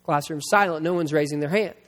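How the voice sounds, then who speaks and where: A man with a high voice preaches a sermon, weaving in personal stories and slowing down to repeat his key lines for emphasis. His voice rings out with a long reverb tail, as if he is filling a large church hall. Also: fairly bright tone. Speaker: pastor.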